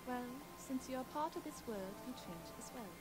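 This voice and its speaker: A woman voicing a mysterious, coaxing wisp spirit with an airy, unearthly voice and slow, formal phrasing in a video game. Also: a little high, expressive, over loud music, natural voice. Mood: teasing, guiding.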